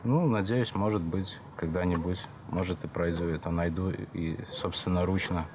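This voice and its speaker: A young soldier, a man with a very deep voice, answers an interviewer haltingly. He is outdoors, with clear noise around him. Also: fairly even intonation. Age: young adult. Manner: hesitant, halting. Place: open dig site, outdoors. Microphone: handheld reporter's mic. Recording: noisy outdoor field recording.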